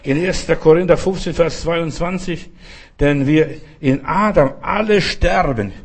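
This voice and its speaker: A man's voice: a little high, measured pace, breathy edge. A man preaching a fervent sermon as a pastor, speaking straight to the listener.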